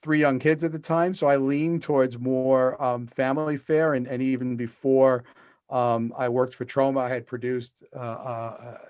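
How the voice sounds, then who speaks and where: A man's voice: medium pitch, flat delivery, normal speed, a little mellow, dry recording, muffled recording. A middle-aged man, a guest on a video-call interview, telling long stories with fillers and restarts. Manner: rambling storyteller with restarts and fillers. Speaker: podcast guest, author.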